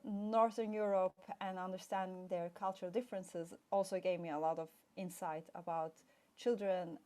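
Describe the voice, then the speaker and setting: A middle-aged Turkish woman with a mellow, fairly low voice chats casually as a guest play expert in an interview. She tells her story with plenty of fillers.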